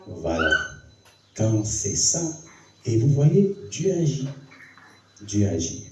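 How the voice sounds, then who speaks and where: A man preaching as a pastor, telling a story in a sermon, his voice dropping low and hushed, then climbing high and excited. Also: slow. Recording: roomy hall, voice from far off the mic.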